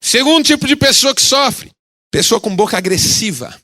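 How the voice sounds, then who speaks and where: A man's voice: very high voice, normal speed. A male pastor preaching a sermon, telling stories dramatically and acting out the people in them. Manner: animated, dramatic storytelling with acted quotes. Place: radio broadcast of a sermon.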